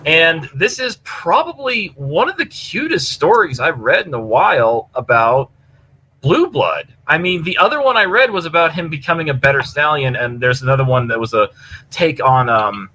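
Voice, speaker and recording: This podcast co-host rambles happily through a casual review of stories, talking at normal speed with a fairly high, sing-song voice and a sharp tone. He's on a computer mic over push-to-talk online voice chat, so the audio is poor and background noise is clearly heard.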